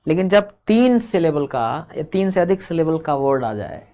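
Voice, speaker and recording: Slow, patient man teaching grammar. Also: fairly high pitch, sing-song, warm tone. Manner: explains step by step, slows and drags out example words. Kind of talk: grammar lesson.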